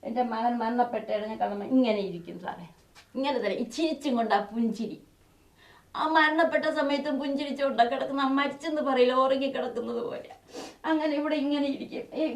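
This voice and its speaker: A middle-aged woman, a bereaved mother giving a tearful, pleading interview. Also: high voice. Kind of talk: emotional interview testimony.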